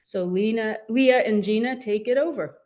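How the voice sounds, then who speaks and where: A woman hosting an online school information session, giving clear instructions and upbeat introductions. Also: on the high side, moderate pace, a little mellow. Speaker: admissions event host. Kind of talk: event introduction.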